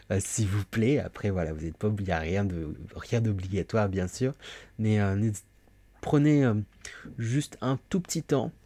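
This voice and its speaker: A man's voice: lowish voice, a little mellow. Hesitant man reading tarot. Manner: hesitant, many fillers and repeated words. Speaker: tarot reader.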